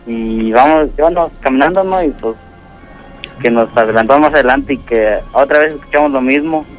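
A young man with a Mexican accent rambles through a ghost story as a radio caller. He talks in halting stops and starts, leaning on fillers at every turn. Faint music plays underneath his voice. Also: medium pitch, rough recording. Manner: rambling, halting, full of "pues" and "¿no?".

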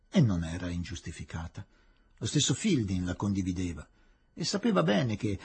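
A man reading a novel aloud in a varied, expressive way. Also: fairly low pitch, slight background noise. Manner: expressive, shifting dramatic reading. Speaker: reader.

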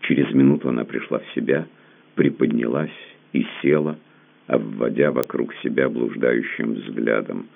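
A man narrating a literary audiobook in a dramatic, expressive reading. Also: extremely low pitch, normal speed, creaky. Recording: narrow phone-like band.

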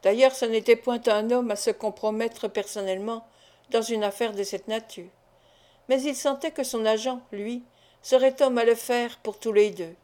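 Mellow woman narrating an audiobook. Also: a little high, fairly even intonation, moderate pace. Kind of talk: scripted narration.

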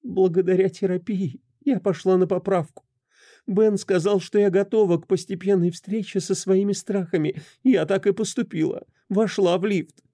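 A man's voice: a little high, slow, creaky, warm tone, no room sound, clean studio sound, pitched above the performer's own voice, heavily acted. A man voicing a distraught woman who confesses to a killing through tears, her voice trembling. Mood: tearful. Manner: trembling, tearful pleading.

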